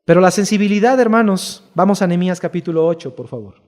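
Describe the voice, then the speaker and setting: A man's voice: sits high, lively intonation, fast, darkish tone. A man preaching a sermon as pastor, talking to the congregation with rhetorical questions. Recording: long hall reverb.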